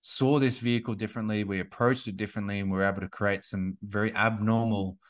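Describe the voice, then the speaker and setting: A man's voice: on the low side, steady tone, fast. A man in his thirties, a podcast guest and business coach, talking casually and rambling with many restarts and fillers. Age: 30s.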